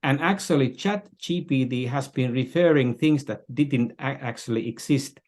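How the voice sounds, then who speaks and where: An older man from Finland, a business strategist guesting on an interview, explains things and tells anecdotes conversationally in a Finnish accent. He talks haltingly, searching for words and repeating phrases, in a medium-pitched, darkish voice.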